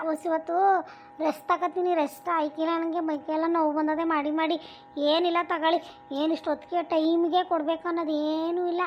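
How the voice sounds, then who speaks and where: A fed-up young daughter-in-law, as a woman voices her for a cartoon, very high and flat, snapping back with tired exasperation. Faint music sits far behind her. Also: lo-fi sound, lightly acted. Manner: exasperated, complaining, sharp. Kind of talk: cartoon voice acting.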